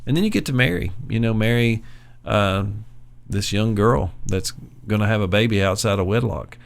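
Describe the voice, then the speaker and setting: A man co-hosting a casual faith podcast, telling Bible stories in a relaxed, conversational way. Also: fairly low pitch, moderate pace, gravelly. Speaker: co-host. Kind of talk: casual chat, Bible teaching.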